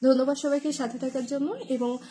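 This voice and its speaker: A woman's voice: high voice, little pitch movement, fairly quick, warm tone, slight background noise. A woman tutor, teaching an online spelling lesson and spelling words out letter by letter with many fillers. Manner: explains with memory tricks, asks "right?".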